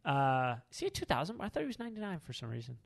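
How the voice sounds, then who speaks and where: Male podcast co-host, higher than average, animated and rambling, casual sports chat. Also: very fast, creaky.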